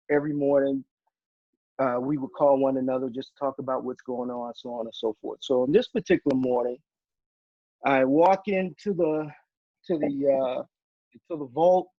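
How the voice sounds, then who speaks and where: A retired army officer telling a story in casual interview talk, with many fillers and restarts. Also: male voice, on the high side, darkish tone, no echo, muffled recording.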